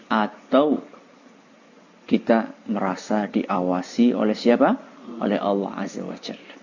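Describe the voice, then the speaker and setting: A man's voice: on the low side, a little slow, gravelly, breathy edge. A man teaching religion to a class of children, quizzing them and laughing along. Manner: lively, quizzing students, laughing. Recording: dull lo-fi recording.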